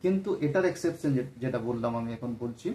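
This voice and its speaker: A man's voice: medium pitch, expressive, fast talker, dark tone. A man teaching a grammar lesson, explaining step by step and often checking that his listeners follow. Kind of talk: exam-prep grammar lesson. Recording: echoey room with faint noise.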